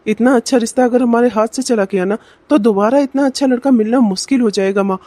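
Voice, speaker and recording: A man voicing an earnest young son in a cartoon, who calmly reassures his mother. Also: very high voice, fast talker, no echo. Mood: reassuring. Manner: calm, reassuring. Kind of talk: cartoon voice acting.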